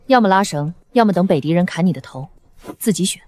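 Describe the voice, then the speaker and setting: A woman voicing a condemned seventeen-year-old girl with a modern soldier's mind, who speaks in clipped, commanding phrases in an animated drama. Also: lowish voice, fast, close to an everyday voice.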